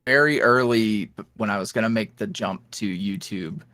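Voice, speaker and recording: As a podcast guest in a casual interview chat, this ASMR roleplay creator talks in a loose, animated way, frequently trailing off, starting over and laughing between thoughts. He speaks at normal speed in a voice on the low side, with no echo.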